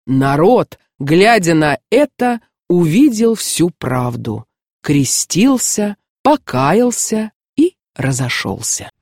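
Low-voiced woman reading a tale slowly. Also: no room sound, clean studio sound. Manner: expressive storytelling. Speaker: narrator. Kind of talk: scripted radio reading of a folk tale.

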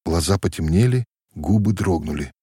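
A man reading a story aloud as narrator in an expressive scripted way. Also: deep voice, normal speed, slightly rough, no room sound, studio quality.

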